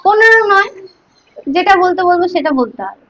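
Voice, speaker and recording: High bright woman teaching recitation. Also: big pitch swings, brisk, no echo, rough recording. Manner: coaxing, asks students to repeat syllables. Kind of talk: line-by-line Sanskrit pronunciation lesson.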